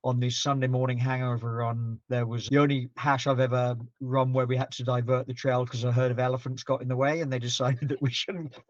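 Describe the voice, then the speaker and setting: A man's voice: mid-range voice, little pitch movement, brisk, hardly any pauses, no room sound. Middle-aged male guest, easygoing rambling raconteur, recorded dry and muffled. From Zambia-born, raised in Scotland. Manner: rambling anecdotes with frequent laughs. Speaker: podcast guest. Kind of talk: relaxed storytelling interview. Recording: dull, muffled sound.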